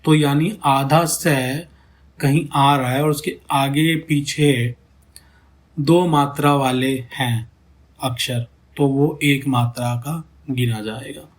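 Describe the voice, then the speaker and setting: A man teaching a lesson on counting syllables in ghazal poetry, explaining step by step and saying words over slowly to show how they sound. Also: medium pitch, steady tone. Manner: checks in often with "theek hai" and "hai na".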